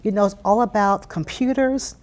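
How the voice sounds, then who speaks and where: Here a Philadelphia woman who runs a youth STEM program is interviewed, her medium-pitched voice slightly mellow and her speed normal. Her conversational answers come across as earnest and emphatic, with phrases often repeated for emphasis.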